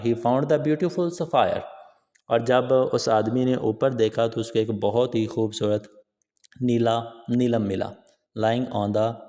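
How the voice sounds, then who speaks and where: A man's voice: on the low side, dark tone, big-room sound. A man teaching an English text line by line, reading each phrase and explaining it in Urdu. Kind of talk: line-by-line reading and translation lesson.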